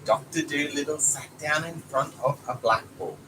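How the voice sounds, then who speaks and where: At a moderate pace and a slightly high pitch, a man reads a storybook to his child as a father would, breaking in with quick asides. Expect a noisy home recording: clear ambient noise, background sounds, and a young child close at hand.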